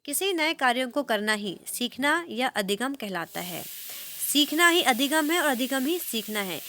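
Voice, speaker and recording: A woman's voice: high-pitched, expressive, unhurried, bright, forceful tone, slight background noise. A young woman teaching an exam-prep lesson, asking questions and answering them herself and repeating key words to help students remember.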